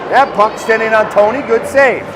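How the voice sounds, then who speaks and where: A man calling a hockey game live, excitable and chatty, shouting on scoring chances and joking with the listeners. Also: high-pitched, normal speed, music in the background, crowd noise. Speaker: play-by-play commentator.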